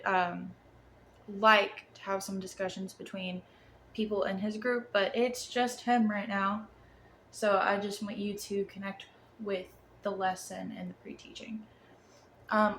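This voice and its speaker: Young woman with stiff, sore-jawed speech. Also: medium pitch. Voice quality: slightly muffled speech, stiff sore jaw. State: sore jaw after wisdom tooth removal. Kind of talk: informal lesson plan presentation. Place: apartment room. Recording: clear background room noise.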